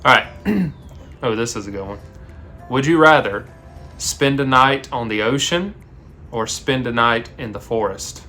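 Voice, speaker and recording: A man with a Southern American accent, co-hosting a casual vlog Q&A and reading questions aloud in a relaxed way. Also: medium pitch, unhurried, faint music behind. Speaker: vlog co-host, teacher. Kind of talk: casual Q&A chat.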